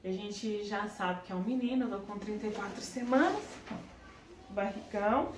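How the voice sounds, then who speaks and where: A woman's voice: mid-range voice, lively intonation, normal speed, roomy sound, recorded from a distance, slight background noise. A young woman with a Brazilian Portuguese accent, telling a personal story to her vlog camera in an earnest way, in short broken phrases. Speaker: parenting vlogger.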